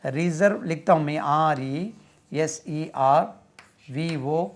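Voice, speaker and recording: Slow, drilling Pakistani teacher. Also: male voice, a little high. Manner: slow, repeats words many times for pronunciation drill. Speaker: English teacher. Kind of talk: bilingual vocabulary lesson.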